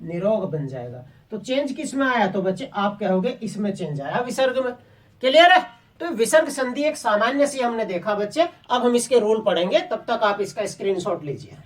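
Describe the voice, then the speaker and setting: A woman's voice: on the high side, expressive, fairly quick, far from the mic. Woman teaching, answering her own questions. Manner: asks questions and answers them herself, calls listeners "children". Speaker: Hindi grammar teacher. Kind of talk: online class lecture.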